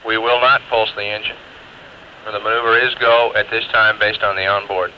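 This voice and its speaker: A man as a flight controller giving terse, calm, procedural callouts over an archival space mission radio loop. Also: lowish voice, brisk. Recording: muffled 1960s radio audio with faint hiss.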